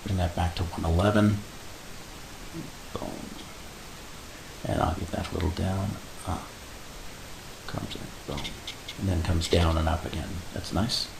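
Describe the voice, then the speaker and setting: Low gravelly man walking through animation steps. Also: fairly even intonation, brisk, hardly any pauses. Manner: casual step-by-step explaining with fillers and sound effects like boom. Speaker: animation instructor. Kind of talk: screen-recorded software tutorial. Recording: echoey room with faint hiss.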